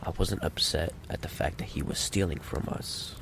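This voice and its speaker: Playing a possessive, menacing mafia boss, a man delivers an ASMR roleplay monologue in a gravelly, low voice, deliberate and coolly condescending. The storytelling feels cold, and the background is noisy.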